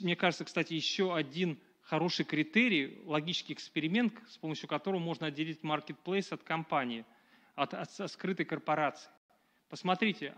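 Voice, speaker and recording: Speaking with a voice on the high side, a middle-aged man delivers a public talk to a live audience in a small dark room. He's conversational and often uses fillers and restarts, captured by a distant camera.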